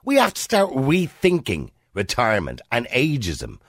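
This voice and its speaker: A man's voice: mid-range voice, huge pitch swings, normal speed, a bit bright, dry recording, clean studio sound. A man in his fifties with an Irish accent, hosting a talk radio show and putting questions to listeners in a chatty, opinionated way. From Ireland. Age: 50s.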